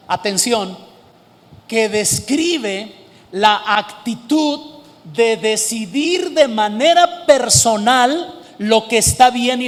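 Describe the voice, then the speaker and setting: A male pastor delivers a sermon in a high voice, with a long hall reverb behind him. He slows down to press key words and at times rises into emphatic shouts. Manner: preaching, rising to emphatic shouts and slowing for stress.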